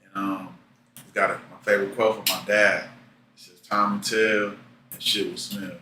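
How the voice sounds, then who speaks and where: A man's voice: lowish voice, level tone, moderate pace, pushed and bright, roomy sound, far from the mic, slight background noise, poor audio. A man who just turned thirty-nine, a guest relaxedly telling stories in a casual interview chat. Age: 30s.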